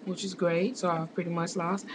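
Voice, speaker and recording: A woman's voice: on the low side, little pitch movement, moderate pace, a little hiss or hum, rough recording. A young woman vlogging from home, chatting casually to camera with rambling, sarcastic asides. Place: home indoors.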